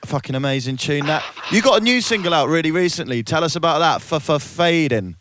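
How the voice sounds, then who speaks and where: A man's voice: on the high side, expressive, fast talker, fairly bright tone, slight background noise. A man hosting a casual interview, enthusiastic and swearing freely. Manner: enthusiastic, swears, calls people mate and man. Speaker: band member hosting an online chat show.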